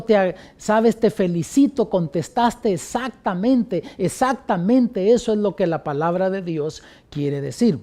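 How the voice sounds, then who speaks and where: A man, a pastor, teaching a training lesson on how to lead Bible studies, instructive and varying his loudness with pauses. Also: sits high.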